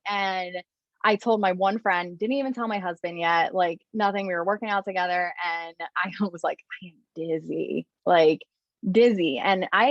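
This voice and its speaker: A woman's voice: on the low side, fairly bright tone, no echo. A woman on a podcast telling her own story in casual chat, full of "like" and acting out her past thoughts. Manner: chatty, heavy use of "like", acts out her own past thoughts. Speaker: podcast guest. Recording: dry, slightly muffled audio.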